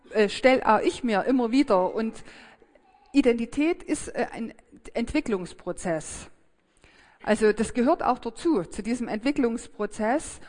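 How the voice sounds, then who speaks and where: A woman's voice: a little high, darkish tone, long reverb tail. A woman giving a sermon, thinking aloud in a hesitant, reflective way with frequent fillers and restarts.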